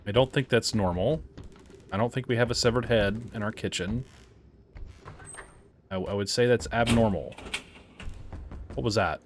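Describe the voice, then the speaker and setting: A man's voice: lowish voice, normal speed, pauses often, slight background noise. A man casually commenting as he plays a horror game, thinking aloud, puzzled, with startled yelps and laughs. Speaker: game reviewer playing a horror game. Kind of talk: casual let's-play commentary.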